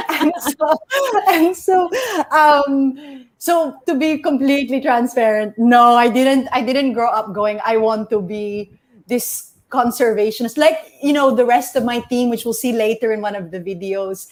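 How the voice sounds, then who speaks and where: A woman's voice: fairly high pitch, unhurried. Chatty, laughing woman guest from Australia. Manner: chatty, laughs often, many "like" fillers. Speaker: guest conservationist. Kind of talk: casual chat.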